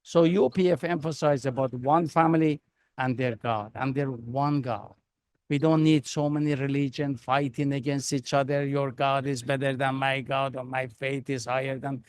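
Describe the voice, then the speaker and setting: A man's voice: mid-range voice, fairly even intonation, moderate pace, a little mellow, clear, resonant tone, no room sound, studio quality. A man speaking earnestly for a peace organization, in simple, preaching phrases. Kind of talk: earnest interview answer.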